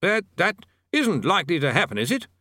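A man's voice: sits high, sing-song, fairly quick, pushed and bright, no echo, clean studio sound, voice pushed up, full character voice. A man voicing a fussy, nervous university bursar who stammers and is anxiously polite. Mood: flustered. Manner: flustered, stammering, overly polite.

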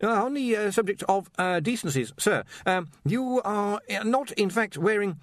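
Jittery young wizard, high-pitched stammerer, dry close sound, done by a male narrator. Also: lively intonation, moderate pace, no echo. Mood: flustered. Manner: stammering, hesitant, full of "uh"s. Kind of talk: audiobook character voice.

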